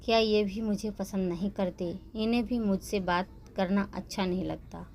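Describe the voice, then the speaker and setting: A woman's voice: medium pitch, fairly even intonation, moderate pace, darkish tone, a little hiss or hum, lightly acted. A woman voicing an innocent, lonely young woman with a childlike way of talking in a storybook reading. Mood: sad.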